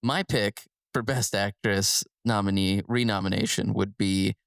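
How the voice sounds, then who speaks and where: A man's voice: fairly low pitch, steady tone, unhurried, gravelly, a bit bright, no room sound, studio quality. Laughing, chatty man on a podcast. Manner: chatty, laughing often, many restarts. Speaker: podcast co-host. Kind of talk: casual film podcast chat.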